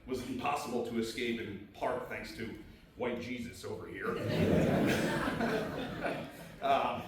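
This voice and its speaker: A man in his forties giving a joking, self-deprecating award speech in a law school courtroom. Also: medium pitch. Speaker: rugby alumnus presenting an award. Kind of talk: humorous tribute speech. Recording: echoey hall from far off, noisy.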